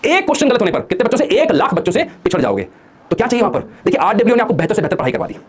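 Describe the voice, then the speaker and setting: A man's voice: sits high, very animated, very fast, husky. A man giving a motivational study talk to exam students, firing rhetorical questions and answering them himself, coaxing listeners to join in. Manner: coaxes listeners to join in and comment.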